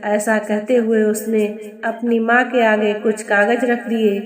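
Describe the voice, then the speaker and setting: A woman narrating a moral story in a slow, measured storytelling voice, addressing her listeners as friends. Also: fairly high pitch, flat delivery, reverberant.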